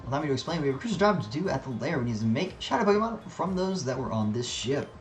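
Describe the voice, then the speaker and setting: A man's voice: on the high side, very animated, fast talker, a little hiss or hum. A man voicing a fussy, calculating male villain scientist from a video game, speaking in a prim way that is full of percentages. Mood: smug.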